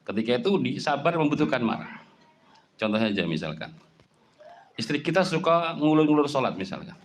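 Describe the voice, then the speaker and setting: A male preacher gives a sermon in an easy, talking-to-the-congregation manner, sprinkling in "ya" as he goes. His voice climbs high and gets louder when he drives a point home, over a faint hum in the background. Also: big pitch swings, a little fast. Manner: conversational, frequent filler "ya", voice jumps high and loud when stressing a point. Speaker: Islamic preacher.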